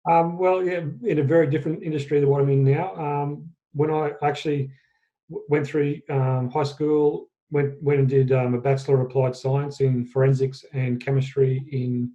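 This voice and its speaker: Dark, flat-voiced Australian man. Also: medium pitch. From Australia, central Queensland. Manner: halting, self-correcting storytelling. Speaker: guest, fitness business owner. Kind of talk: casual interview storytelling. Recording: dull lo-fi podcast audio.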